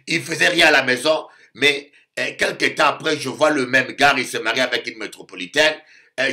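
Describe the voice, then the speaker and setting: A man from Africa preaching a sermon with a very bright, ringing tone. He talks in an animated way, repeats his phrases for emphasis, and slips into playful voices. His pitch sits in a middling range. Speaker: bishop preaching.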